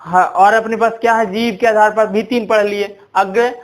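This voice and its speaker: A man's voice: high-pitched, fairly even intonation, normal speed. A man teaching a grammar lesson, quizzing his listeners and repeating key points with "ठीक है". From India. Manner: repetitive, quizzing with "ठीक है" and "कितने होते हैं?".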